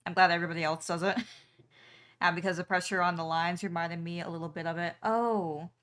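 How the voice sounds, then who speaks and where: Young woman artist streaming, lowish voice, easygoing chat w/ viewers, lots of ums. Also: brisk. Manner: relaxed, chatty, reads chat aloud, frequent ums and small laughs. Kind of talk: casual chat while drawing on stream.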